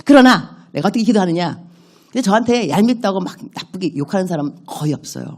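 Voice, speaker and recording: A woman missionary preaches at a church revival meeting, talking straight to the congregation in a chatty, animated way. She slips into little acted-out prayers and quoted voices as she goes, moving her pitch and loudness up and down. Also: quick pace. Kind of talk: revival sermon.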